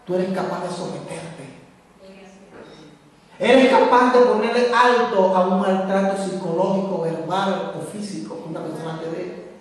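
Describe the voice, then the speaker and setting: A man in his fifties gives an impassioned sermon, his voice set fairly high for a man. He speaks straight to the congregation. The sound is heavily echoey and comes from a mic well away from him, with a long reverb in the church hall. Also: unhurried, far from the mic. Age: 50s. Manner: impassioned preaching, addresses the congregation directly. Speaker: pastor.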